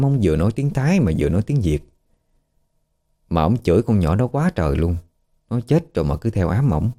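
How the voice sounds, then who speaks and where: A man's voice: low-pitched, warm tone. A man with a Southern Vietnamese accent telling a horror story in a chatty, conversational way, acting out the people he quotes.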